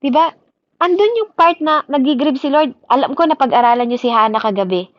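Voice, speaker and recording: A woman preacher delivers a sermon in a high-sitting, fairly quick voice, switching between Tagalog and English. She asks her listeners "di ba?" after nearly every point, and the recording is dry and slightly dull.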